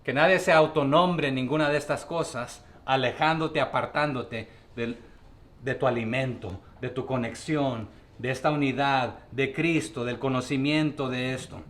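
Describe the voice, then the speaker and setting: A man's voice: medium pitch, fairly bright tone. A man teaching a Bible study to his congregation, often asking questions and using fillers.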